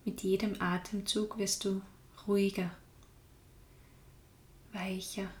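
A woman guiding a meditation in a calm, soft-spoken way, often sinking into a whisper. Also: mid-range voice, slow, echoey room. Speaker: meditation guide. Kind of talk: guided meditation.

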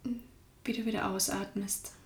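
Slow, calm woman guiding a meditation. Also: medium pitch, echoey room. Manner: slow, calm, soft-spoken, drifts into whispers. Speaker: meditation guide. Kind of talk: guided meditation.

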